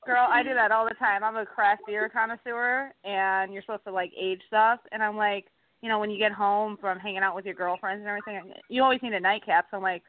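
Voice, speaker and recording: A woman's voice: medium pitch, steady tone, fairly quick, hardly any pauses. A woman chatting casually as a radio guest, with self-deprecating, girlfriend-style banter. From Chicago, United States. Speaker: guest, journalist and magazine editor. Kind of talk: casual chat. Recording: noisy, thin phone line.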